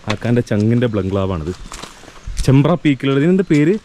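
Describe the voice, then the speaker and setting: A man speaks in an excited, casual vlog style. His mid-pitched voice is full of exclamations and repeated phrases, peppered with English words. Clear outdoor and vehicle noise sits behind him. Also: a little fast. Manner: Malayalam sprinkled with English words and slang. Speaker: vlogger. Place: outdoors and in a vehicle on rough hill track. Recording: noisy outdoor and vehicle background.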